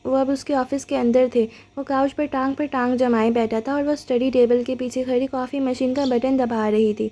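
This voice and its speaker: A woman narrating a novel as an audiobook reader, in a steady, even storytelling manner. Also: sits high, hardly any pauses.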